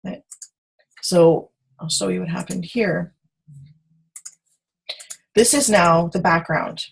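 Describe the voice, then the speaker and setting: A woman teaching design software on a video call, chatty and self-correcting as she demonstrates. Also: fairly low pitch, fairly even intonation, slow pace, vocal fry, slightly rough, poor audio. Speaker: software instructor. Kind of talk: screen-share tutorial.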